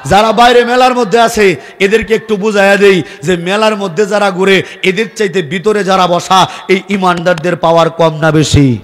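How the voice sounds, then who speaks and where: A man from Bangladesh, preaching a fiery sermon at a large gathering and shouting rhythmic call-and-response prompts to the crowd. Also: high voice, fairly even intonation, moderate pace. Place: large religious gathering beside a fair. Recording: reverberant venue with crowd noise.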